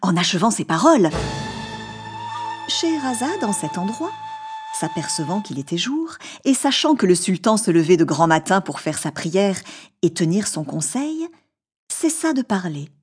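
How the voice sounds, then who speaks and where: A woman's voice: mid-range voice, very animated, normal speed, slightly rough, soft background music. A woman narrating a classic tale as an audiobook, reading expressively.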